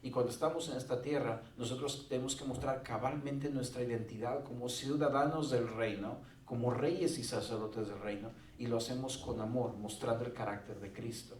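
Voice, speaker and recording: A man's voice: medium pitch, fairly even intonation, normal speed, hardly any pauses, darkish tone, slight background noise. A man preaches a Sunday sermon in an easy, conversational way. He throws in joking asides. His voice sits in the middle range and sounds distant and roomy, caught from across a church hall. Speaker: pastor. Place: church sanctuary.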